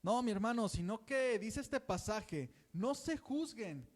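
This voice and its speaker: A man's voice: sits high, animated, a little slow. A man with a Mexican Spanish accent preaching a conversational sermon and acting out the voices of gossiping churchgoers.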